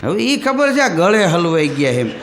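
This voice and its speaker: High-voiced Kathiawadi Gujarati comedian. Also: male voice, very animated, in a large hall, background noise. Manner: folksy storytelling, jumps into quick character voices. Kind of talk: stand-up joke telling.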